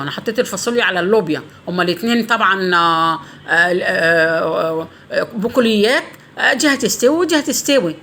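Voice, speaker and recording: A woman's voice: on the high side, a bit bright, a little hiss or hum. A middle-aged woman with an Egyptian accent, telling a funny story in a casual home cooking vlog, swearing by God often. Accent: Egyptian Arabic.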